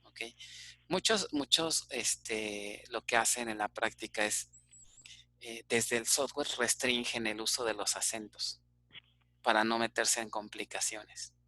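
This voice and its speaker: A man with a Mexican Spanish accent lecturing an online class on databases, with a bright, clear voice. He explains patiently and keeps checking in with his listeners. The sound is dry and close, with no room around it. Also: lowish voice, slow, no room sound. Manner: explanatory, checks in with frequent "ok?" and "este" fillers. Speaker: university database teacher.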